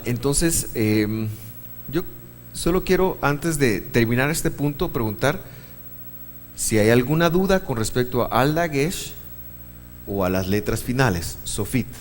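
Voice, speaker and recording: A man lecturing a church class at an unhurried pace, explaining each point patiently and putting questions to the room. His voice carries a long hall reverb over a faint background hum. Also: mid-range voice. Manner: patient, explains step by step and quizzes the audience. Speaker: Bible class teacher.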